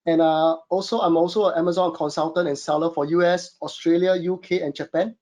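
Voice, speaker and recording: A man's voice: a little high, flat delivery, fairly quick, a little mellow. A man from Singapore with a Singaporean English accent, presenting a webinar from a home studio in a chatty way, full of fillers. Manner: chatty, many fillers, addresses audience as guys. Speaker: webinar host and e-commerce consultant.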